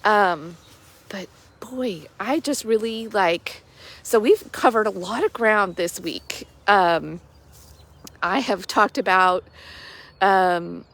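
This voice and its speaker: A woman's voice: mid-range voice, slow, vocal fry, a bit bright. A woman life coach filming herself in a park and retelling a Bible story in a casual devotional chat, full of "like" fillers. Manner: chatty, with many "like" fillers. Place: outdoors in a park at sunrise.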